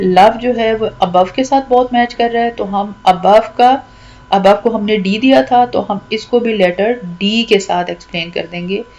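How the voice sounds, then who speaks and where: A woman who grew up speaking teaches a lesson patiently and step by step. She repeats words and draws them out slowly as she points each one out. Her voice sits at an ordinary middle pitch. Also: muffled recording. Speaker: English literature teacher. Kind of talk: classroom-style lesson explaining a rhyme scheme.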